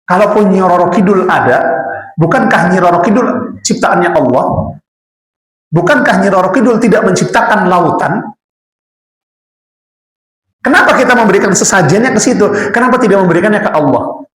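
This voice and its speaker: A man giving a religious lecture to a seated class. His voice sits a little high for a man and carries a noticeable room echo. He talks in a loose, conversational way and keeps turning to the listeners with rhetorical questions. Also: expressive, normal speed, long pauses, a bit bright. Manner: conversational, rhetorical questions, addresses audience as Pak. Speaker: Islamic teacher. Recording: echoey room.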